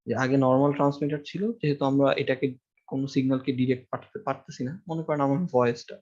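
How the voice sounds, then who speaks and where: A man lectures to a university class at a very fast clip, his mid-range voice level in tone and a little mellow. The audio is dull; he talks through a classroom microphone with an amplifier, explaining step by step, asking questions, and using many fillers.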